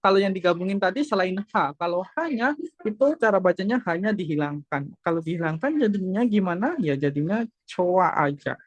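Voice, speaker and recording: A woman's voice: on the low side, animated, normal speed, dry recording. Patient woman teaching over video call. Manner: patient, repeats points and checks understanding. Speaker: Korean language teacher. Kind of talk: online class lesson.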